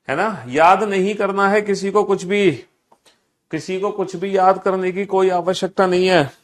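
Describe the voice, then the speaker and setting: A man teaching a class, repeating each instruction and coaxing students with affectionate teasing as he drills them. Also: a little high. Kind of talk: classroom lesson.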